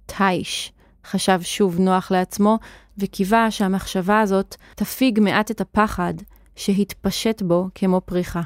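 A woman narrating a children's story in a clear, expressive reading voice. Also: mid-range voice, no room sound, studio quality.

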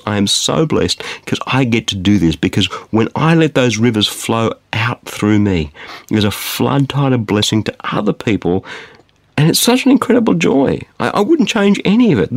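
A man's voice: gravelly, dry recording. A man preaching a radio sermon, swinging his voice up and down for emphasis. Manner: animated preaching, dramatic pitch swings on quotes. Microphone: studio microphone.

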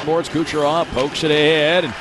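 A man doing rapid, excited hockey play-by-play as a radio announcer, shouting when goals come. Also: fairly high pitch, music in the background. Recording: radio broadcast over loud arena noise. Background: loud arena ambience.

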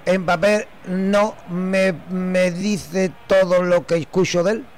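A man giving conversational football punditry on radio, halting and repeating himself. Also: sits high, fairly even intonation. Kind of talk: conversational live radio commentary.

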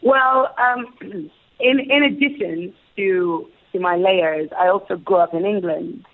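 A British-raised woman from the United Kingdom speaks slowly at medium pitch as a guest in a casual interview, in a dry recording with narrow, phone-like sound. Reflective and thoughtful, she often restarts and repeats words while she thinks.

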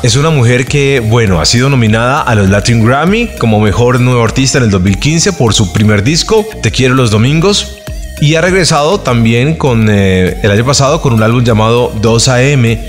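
A man hosting a travel podcast interview, talking thoughtfully and pausing with filler sounds while he searches for words. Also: mid-range voice, animated, soft background music. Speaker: podcast host. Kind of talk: conversational interview.

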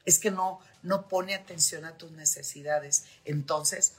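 Middle-aged Mexican woman host, frank and chatty, husky timbre, low pitch. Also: steady tone, measured pace, soft background music. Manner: frank, chatty, with many fillers. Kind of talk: podcast advice talk.

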